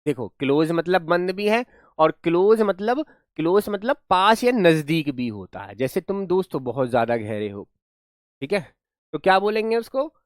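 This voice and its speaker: A man's voice: on the high side, sing-song, moderate pace, dry recording, studio quality. A man teaching an online class, explaining words playfully, repeating his questions and praising his students.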